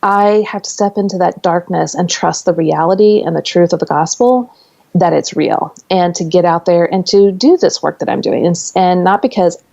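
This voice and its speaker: Earnest woman guest on a podcast, low gravelly voice, muffled lo-fi sound. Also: moderate pace, warm tone. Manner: earnest, explains with stories and examples. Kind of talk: conversational interview.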